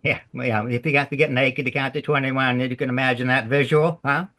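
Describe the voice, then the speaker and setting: A man's voice: medium pitch, fairly even intonation, brisk, a bit bright. A man with a Southern US accent, a playwright chatting in an interview, rambling in a folksy way as he tells stories. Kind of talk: casual interview chat.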